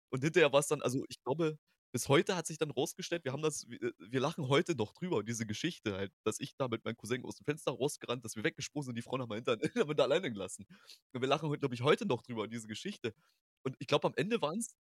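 A man's voice: medium pitch, no room sound, studio quality. A man podcast guest chatting casually and laughing at himself. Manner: laughs often, self-mocking. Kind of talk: casual chat.

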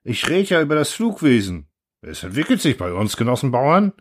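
This is a bumbling, eager guard, put on by a male reader, stumbling through a speech and padding it with halting fillers. The voice sits above the reader's own and rises and falls in lively swings. It belongs to a storybook reading. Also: mid-range voice, voice pushed up. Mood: earnest rambling. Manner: halting, rambling, full of fillers.

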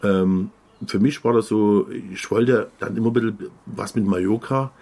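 Husky middle-aged Saxon DJ rambling. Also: male voice, lowish voice, steady tone, moderate pace, mellow. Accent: Saxon German. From Saxony, Germany. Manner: rambling anecdotes with many fillers. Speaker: podcast co-host, DJ. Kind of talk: casual chat.

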